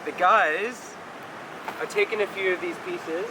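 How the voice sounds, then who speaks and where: A man's voice: sits high, a little slow. Easygoing man vlogging at a noisy site. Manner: joking, easygoing, laughs often. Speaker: vlog host. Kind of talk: casual vlog chat and narration. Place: outdoor rural building site. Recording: noisy outdoor ambience.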